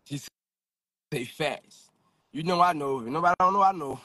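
A man's voice: a little high, moderate pace, pushed and bright, no echo. A young man chatting loosely into his phone outdoors by a car, rambling and cursing casually. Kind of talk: casual livestream chat. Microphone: phone camera. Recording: played-back phone video with street noise.

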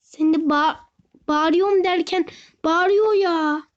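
A young gaming host giving excited gameplay commentary, often shouting and wailing as he talks straight to his viewers. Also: extremely high pitch, takes it slowly. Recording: dull lo-fi recording.

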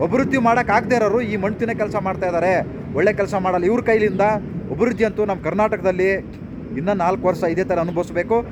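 Male commentator, rapid-fire rhetorical ranting, raised pitch, faint street traffic behind. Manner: rhetorical questions, repeated phrases. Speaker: political commentator. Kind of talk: impassioned monologue.

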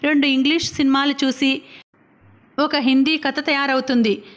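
A woman's voice: sits high, moderate pace, natural voice. A woman reading an audiobook, voicing a playful, witty young woman. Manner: lively, teasing.

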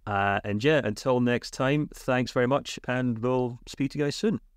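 A man's voice: medium pitch, normal speed. A man with a broad Scottish accent hosting a casual football podcast. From Scotland. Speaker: podcast host.

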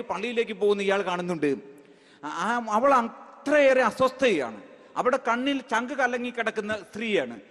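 High-voiced preacher in an echoing hall. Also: male voice. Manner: emphatic, frequent hallelujah calls and rhetorical questions. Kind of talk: sermon. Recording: long hall reverb.

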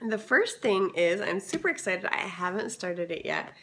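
A woman's voice: mid-range voice, big pitch swings, moderate pace, a bit bright. A woman vlogger with a scratchy voice, chatting enthusiastically through a haul video. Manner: chatty and enthusiastic, many fillers.

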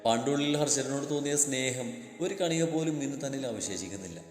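A man narrating a romantic story as a storyteller, in a calm, steady reading. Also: medium pitch, quick pace. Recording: echoey room with long reverb, faint music.

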